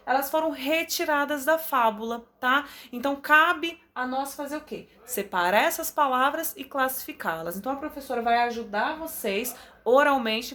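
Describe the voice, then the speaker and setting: A woman teacher with a Brazilian Portuguese accent, giving a recorded class to young children and drawing out words slowly to sound out their syllables. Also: high voice, a bit bright. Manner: drawn-out, stretching words to sound them out for children. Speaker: primary school teacher.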